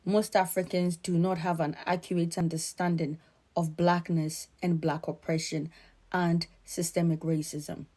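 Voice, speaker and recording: A woman from Ghana with a Ghanaian accent, giving earnest, emphatic spoken commentary in a measured way. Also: on the low side, warm tone.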